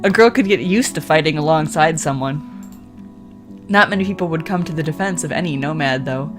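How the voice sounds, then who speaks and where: A woman's voice: deep voice, fairly quick, music in the background, lightly acted. A woman voicing a young female nomad fighter in a game, reading her thanks in a light, amused way. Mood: grateful.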